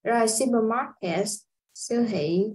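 A woman from Vietnam teaching a casual language lesson, explaining step by step in an unhurried way with frequent filler sounds. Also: on the high side, a little mellow, poor audio. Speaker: English teacher.

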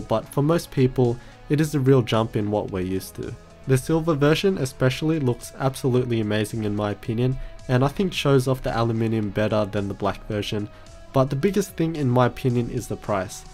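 A man's voice: mid-range voice, a little fast, darkish tone. A man giving a scripted tech review narration in a matter-of-fact, explanatory way. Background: background music.

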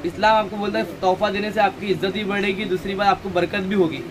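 Showing off the goods in his packed housewares store, this thirtysomething owner chats in a relaxed way and wanders into little sermons. He talks quickly in a level, fairly high voice while traffic from outside and shop bustle come through clearly.

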